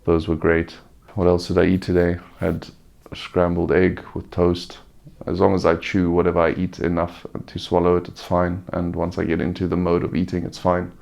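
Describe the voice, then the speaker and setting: A man gives an unscripted vlog-style update while weary from surgery. His voice is deep and very creaky, with an almost completely flat melody. He talks in a subdued, halting way, nursing a sore throat. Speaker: vlogger giving a recovery update. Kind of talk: casual personal update, unscripted.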